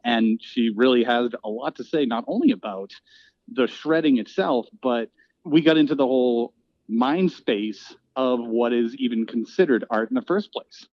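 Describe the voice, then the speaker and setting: A man's voice: mid-range voice, moderate pace, no echo, lo-fi sound. A man co-hosting a podcast in casual chat, reflective and trailing off as he thinks aloud. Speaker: podcast co-host.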